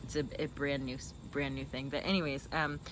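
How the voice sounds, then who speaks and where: A woman hosts a casual chat with her brother, her extremely low voice barely moving in pitch as she talks fairly quickly. Her storytelling is informal, digressive and giggly, and the recording has clearly noisy background sound.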